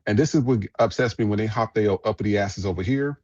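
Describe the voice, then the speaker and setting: A man's voice: fairly low pitch, fast talker, a little mellow, no room sound, dull audio. Blunt profane male podcast host. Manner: blunt, profane, rambling commentary. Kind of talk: casual commentary on viral clips.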